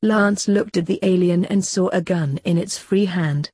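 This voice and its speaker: A woman narrating a sci-fi story aloud in a steady, plain way. Her voice is husky and somewhat low, with a dry, close sound. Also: a little slow, no echo.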